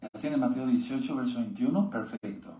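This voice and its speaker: A man's voice: mid-range voice, moderate pace, warm tone, roomy sound. A man, teaching a sermon-style Bible lesson and reading scripture aloud with asides to his viewers.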